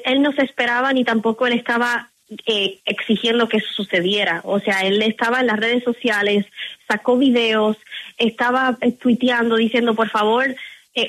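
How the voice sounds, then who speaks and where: A woman's voice: fairly high pitch, fairly bright tone, low-quality recording. Emphatic Puerto Rican woman. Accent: Puerto Rican Spanish. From Puerto Rico. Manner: emphatic and insistent, often repeating words. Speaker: political campaign guest. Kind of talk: broadcast interview answers.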